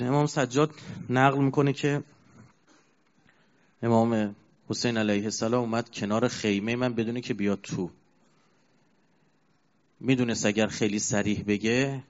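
Grieving male preacher, lo-fi recording. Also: medium pitch. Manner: grieving storyteller, chants verses slowly. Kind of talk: mourning sermon narration. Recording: dull lo-fi recording.

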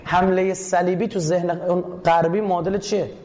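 A man's voice: high-pitched, level tone, a little mellow, lo-fi sound. A man lecturing as a media critic, who keeps asking his audience questions and answering them himself. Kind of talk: lecture analysing a film clip.

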